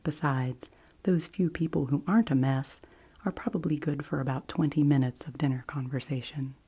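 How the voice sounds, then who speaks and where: A woman giving a whispered ASMR book review and reading in a soft library whisper, gentle and deliberate, with long pauses. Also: low voice, slightly rough. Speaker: ASMR host.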